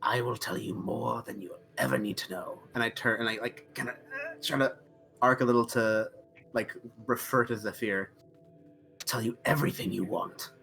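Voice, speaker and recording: A man's voice: medium pitch, gravelly, a bit bright. A man chatting casually as a player in a tabletop game.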